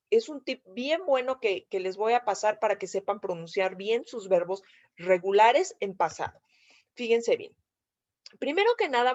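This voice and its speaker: A Mexican woman teaches in a slightly raised voice, laying out each rule step by step. She keeps pausing to check that her listeners follow. The audio is a bit dull and lo-fi. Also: a little high, a little mellow. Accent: Mexican Spanish. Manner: patient step-by-step explaining, checks understanding with frequent "¿sí?". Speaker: English teacher. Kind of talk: video lesson explaining grammar.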